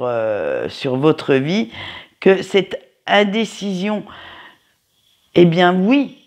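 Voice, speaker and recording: A tarot card reader with a noticeable accent gives a casual weekly forecast from home by a window, in an unhurried, sing-song manner. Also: medium pitch. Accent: non-standard French accent, kind not stated. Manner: unhurried, sing-song, frequent "hein" tags. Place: home, by a window facing a tree.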